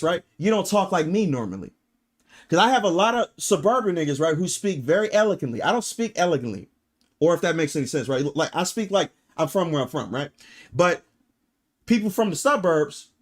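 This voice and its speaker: A man ranting on a live stream, his voice sitting a little higher than most men's. He talks bluntly to his chat, swears freely, and keeps checking in with a rhetorical "right?" as he drives each point home. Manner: blunt, emphatic, profane, rhetorical "right?" tags. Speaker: streamer reacting and reading chat. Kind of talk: casual livestream rant.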